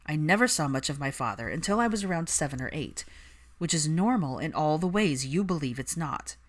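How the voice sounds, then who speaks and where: In audiobook dialogue, a woman voices a man from an old wizard family who is composed, wry and probing. Her delivery is smooth and measured, with a deep, animated voice and a serious, measured mood.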